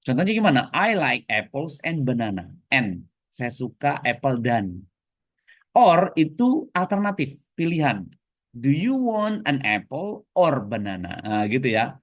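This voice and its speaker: A man's voice: mid-range voice, measured pace, no echo, clean studio sound. A man with an Indonesian accent teaching an English lesson to a class, explaining and prompting students to repeat. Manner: lively, switches between explaining and prompting the class.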